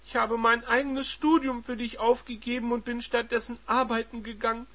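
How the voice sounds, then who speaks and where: A man voicing a furious, humiliated middle-aged wife who shouts shrill accusations, on a dull lo-fi recording. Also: flat delivery, moderate pace.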